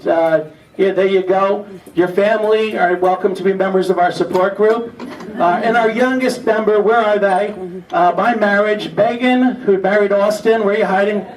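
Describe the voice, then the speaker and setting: A man's voice: high voice, fairly even intonation, moderate pace. A man acting as emcee, delivering a teasing, off-the-cuff comic monologue to a gathering. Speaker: auctioneer and event emcee. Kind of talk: joking opening monologue to a gathering. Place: large room at an event, audience behind. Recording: echoey hall, distant mic, audience noise.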